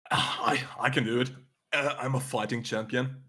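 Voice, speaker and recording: A man co-hosting a wrestling podcast, recapping matches in a relaxed way with dry teasing humor. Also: mid-range voice, a little slow, husky. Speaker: podcast co-host. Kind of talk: casual wrestling chat.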